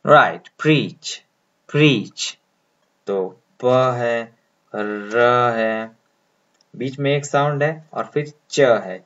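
A man's voice: medium pitch, a bit bright, muffled recording. A man giving a phonetics lesson, patiently explaining each word step by step and asking the listener to repeat after him. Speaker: English pronunciation teacher. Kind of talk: phonetics lesson with transcription drills.

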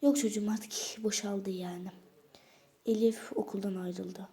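A woman plays a worn-out school teacher who grumbles at her noisy pupils in a toy role-play story. The delivery is tired and half-whispered, with a mellow, warm tone. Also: mid-range voice, steady tone, measured pace, natural voice. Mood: weary. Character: weary exasperated school teacher.

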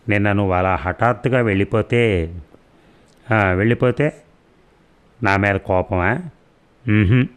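Low-voiced man reading a story aloud. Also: smooth. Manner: reads all the characters' dialogue in his own voice. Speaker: narrator. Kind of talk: storybook narration.

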